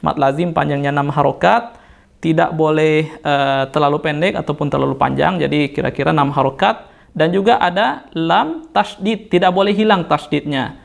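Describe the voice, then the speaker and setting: A man with an Indonesian accent, teaching Quran recitation rules and slowly chanting verses between patient explanations. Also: on the high side, gravelly. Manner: patient, corrects mistakes step by step with fillers. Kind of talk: tajwid lesson with slow chanted recitation.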